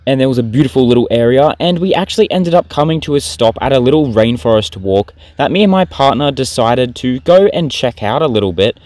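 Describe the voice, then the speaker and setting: A man's voice: mid-range voice, expressive, fairly quick, few pauses, darkish tone, no echo. A young man, chatting in an easygoing, rambling way as he narrates his vlog and comments on a bushwalk. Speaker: vlogger.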